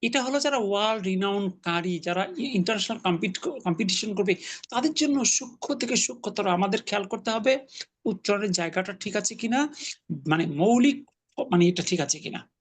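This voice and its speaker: A man's voice: high-pitched, lively intonation, a little fast. A man teaching an Arabic class online, patiently explaining grammar and correcting his students' pronunciation.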